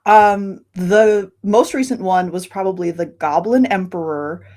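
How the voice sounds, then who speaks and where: A woman's voice: mid-range voice, unhurried, warm tone. A woman guest in a podcast interview, light and self-deprecating, laughing between her sentences. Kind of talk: casual interview chat.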